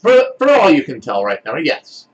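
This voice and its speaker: Male game master, high and animated, casual tabletop narration. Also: moderate pace, highs cut off. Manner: animated, laughing, lively pitch swings.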